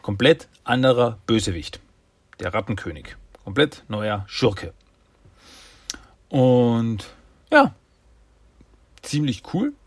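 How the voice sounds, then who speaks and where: A man's voice: mid-range voice, sing-song, slow, pauses often, breathy edge, dry recording. A man recapping a cartoon episode in a rambling, chatty way. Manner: rambling, chatty, acts out voices. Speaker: host.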